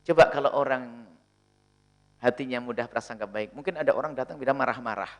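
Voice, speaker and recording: A male preacher answering questions in a sermon, animated and often acting out the people he quotes. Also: medium pitch, a little fast. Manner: animated, acts out quoted speakers.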